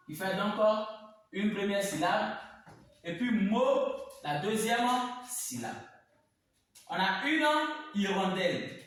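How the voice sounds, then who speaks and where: Slow-speaking teacher in an echoey room. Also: male voice, high-pitched, a bit bright. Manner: slow, repetitive, spells words by syllables. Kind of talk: classroom reading lesson. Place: classroom with a board. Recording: echoey room, mic far off.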